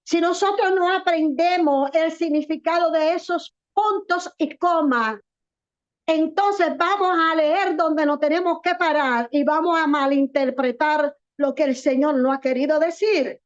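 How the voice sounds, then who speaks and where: A woman pastor preaching a sermon in an earnest way, with rhetorical questions and slow, stressed words for emphasis. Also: sits high. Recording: dull lo-fi recording.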